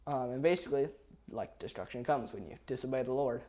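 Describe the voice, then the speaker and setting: A man's voice: mid-range voice, quick pace, warm tone. A young man casually summarizes a Bible chapter on a podcast, hesitant and full of fillers and restarts. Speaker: podcast co-host.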